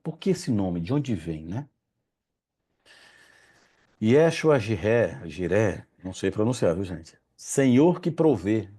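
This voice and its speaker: A man's voice: fairly low pitch, big pitch swings, normal speed, few pauses, mellow, slightly rough. A man leading an informal religious study group, often stopping to correct himself and admitting he struggles to pronounce Hebrew names. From Brazil.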